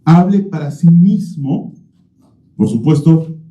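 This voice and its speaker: A man's voice: fairly high pitch, lively intonation, takes it slowly, dark tone. A man preaching an expository sermon as a pastor. He is emphatic, repeats key phrases and asks rhetorical questions, recorded in a church. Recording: roomy, slightly dull church recording.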